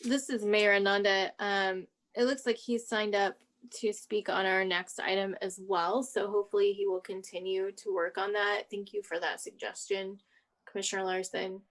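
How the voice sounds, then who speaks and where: Woman, mayor, procedural and polite, middle pitch. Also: little pitch movement, normal speed, fairly bright tone. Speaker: mayor chairing the meeting. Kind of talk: chairing a city meeting.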